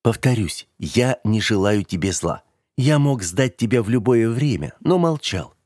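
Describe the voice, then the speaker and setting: A man voicing an earnest, calm young gentleman. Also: lowish voice, unhurried, dry recording, studio quality, voice pushed up.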